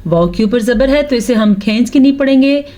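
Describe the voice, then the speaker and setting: A woman teaching Quran pronunciation, reciting words slowly and breaking them into syllables with patient explanation. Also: sits high, mellow. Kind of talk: slow tajweed lesson with recitation.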